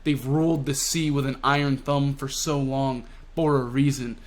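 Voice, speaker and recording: A man's voice: mid-range voice, level tone, normal speed, natural voice. A man voicing an arrogant, angry male pirate who blusters scornfully while retelling a comic.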